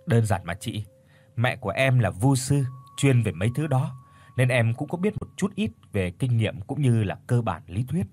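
Man doing a patient young shaman woman, lively pitch, husky. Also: normal speed. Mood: explaining. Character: calm knowing young female shaman.

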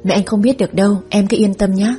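A woman's voice: medium pitch, steady tone, quick pace, mellow, soft background music, lightly acted. A woman voicing an affectionate young man who coaxes his girlfriend. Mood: coaxing. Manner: coaxing, affectionate.

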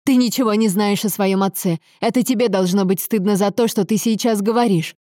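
An indignant mother standing up for her husband and scolding her son, voiced by a woman reader. A warm, mellow tone, a little raised. Dry, close storybook recording. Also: mid-range voice, fairly even intonation, brisk, dry recording, natural voice. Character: protective middle-aged mother and wife.

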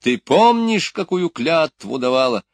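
Guy doing a bossy older leader, urgent, pitched up and loud, dry audiobook sound. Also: expressive, moderate pace, no room sound. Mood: commanding. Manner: urgent, pleading then ordering. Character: commanding older male leader, coaxing but insistent.

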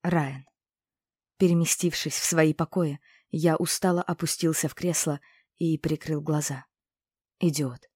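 A woman narrating a first-person audiobook in a calm, emotive, dramatic reading. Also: sits low, unhurried, husky, no echo, studio quality.

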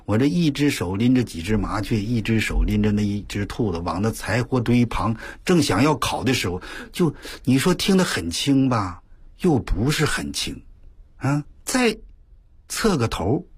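Husky older man telling a folksy tale. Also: lowish voice, no room sound. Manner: animated, full of exclamations, drawn-out emphasis. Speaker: radio storyteller. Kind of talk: folksy spoken storytelling. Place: radio studio.

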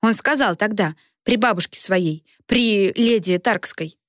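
A woman's voice: medium pitch, a little slow, no room sound, clean studio sound, natural voice. A woman voicing a cheerful, lovestruck young woman student in an audiobook who chatters dreamily. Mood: earnest.

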